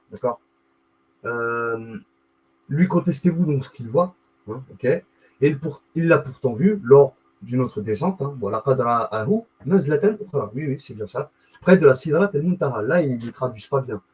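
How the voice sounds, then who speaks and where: A man's voice: medium pitch, husky, low-quality recording. A man hosting a live video, reading a text aloud and commenting on it, full of fillers, restarts and self-corrections, with wry asides.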